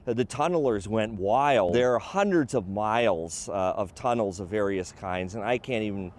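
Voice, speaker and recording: A man's voice: on the low side, moderate pace, darkish tone, a little hiss or hum. A man interviewed as an expert outdoors, explaining in a hesitant but precise way. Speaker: tunnel explorer and expert interviewee. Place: outdoors along a street.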